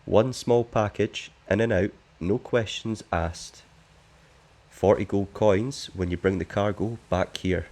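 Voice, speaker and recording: A man's voice: fairly low pitch, slow pace, a little mellow. A man voicing a shady smuggler boss who offers a secret job, read plainly from the game text.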